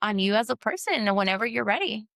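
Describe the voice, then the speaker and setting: A woman who runs a post-op massage business, talking candidly in an interview, with fillers, restarts and quick shifts into voices when she quotes people. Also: animated, gravelly, dry recording. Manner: acts out quoted voices with sharp pitch jumps. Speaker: post-op massage therapist, guest. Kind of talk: casual interview conversation.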